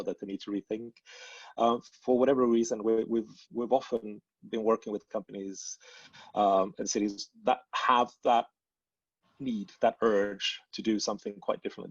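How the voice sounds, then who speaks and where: A man's voice: fairly low pitch, breathy edge, no room sound. A man from Sweden answering questions on a webinar panel, hesitant, with many restarts. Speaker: panel speaker, design strategist. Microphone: video call. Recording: muffled video call audio.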